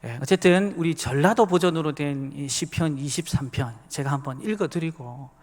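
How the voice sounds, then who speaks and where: A man's voice: a little high, normal speed, darkish tone. A man, an associate pastor giving a sermon in a church sanctuary, who talks chattily and speaks directly to the congregation. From Busan, South Korea. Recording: long reverb of a large hall.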